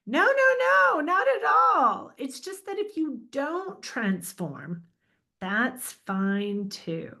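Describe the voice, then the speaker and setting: A woman reading as a soft-spoken best friend. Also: medium pitch, very animated, very slow, full character voice. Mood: reassuring. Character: young woman, gentle, reassuring best friend.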